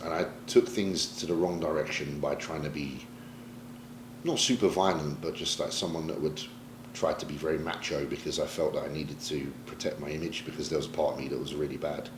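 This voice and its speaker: Deep-voiced British bodybuilder, frank and emotional, in an echoey room. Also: male voice, steady tone, brisk, noisy background. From Britain. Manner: emotional, reflective, swears casually. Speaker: pro bodybuilder guest. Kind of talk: candid sit-down interview. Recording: roomy echo, faint ambience.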